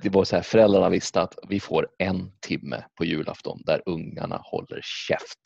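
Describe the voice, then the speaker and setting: A man's voice: low-pitched, creaky, a little mellow, husky, no room sound, lo-fi sound. A Swedish man co-hosting a casual chat, joking and rambling with casual swearing. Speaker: podcast co-host.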